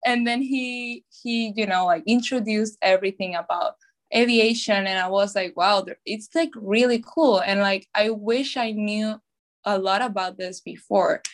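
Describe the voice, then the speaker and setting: A young woman from Venezuela, chatting in an interview with a lively, filler-heavy manner. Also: mid-range voice, measured pace. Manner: chatty, lively, lots of "like" and "you know". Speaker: podcast co-host, guest. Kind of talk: casual interview.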